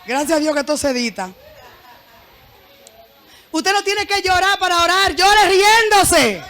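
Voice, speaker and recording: A woman pastor preaching a sermon in church, lively and joking, often having the congregation repeat her phrases. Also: very high-pitched, moderate pace.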